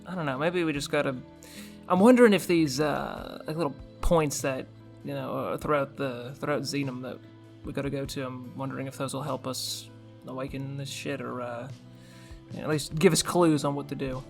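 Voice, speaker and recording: A man's voice: medium pitch, steady tone, normal speed, gravelly, faint music behind. A man playing a tabletop game, rambling and swearing often with self-mocking humor. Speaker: player. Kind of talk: casual tabletop chat.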